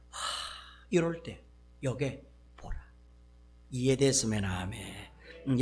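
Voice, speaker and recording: A male pastor with a Gyeongsang accent preaching a sermon, acting out exclamations and swinging from loud bursts to hushed asides. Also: a little high, gravelly, slight background noise.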